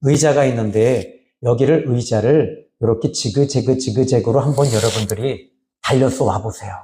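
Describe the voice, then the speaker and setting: A middle-aged man preaching as a pastor in a church, lively and rising when he voices God's words, then dropping low for asides. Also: normal speed. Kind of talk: sermon. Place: church sanctuary. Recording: echoey church hall.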